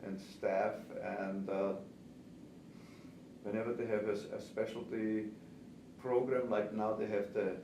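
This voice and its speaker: A man with a fairly low pitch and level tone speaks a little slowly, leaving long pauses. He is a seventy-something pastry chef and cake instructor, a native German speaker with an Austrian accent, answering interview questions in a conversational manner as a veteran teacher. It's a distant, roomy, noisy recording.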